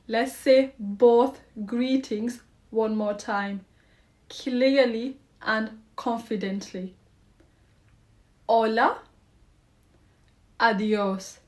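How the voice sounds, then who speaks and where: A woman leads a scripted classroom lesson for young children, speaking at a very slow, deliberate pace. Her voice sits a little high, and she keeps her instructions clear and encouraging. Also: darkish tone. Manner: encouraging, upbeat prompts. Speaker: primary school teacher.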